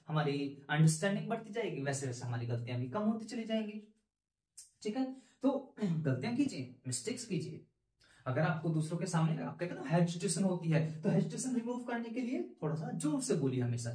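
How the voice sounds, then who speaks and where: A man's voice: high-pitched, darkish tone. A male spoken English teacher giving an earnest, encouraging lesson talk to learners, repeating his points with rising emphasis. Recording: echoey room.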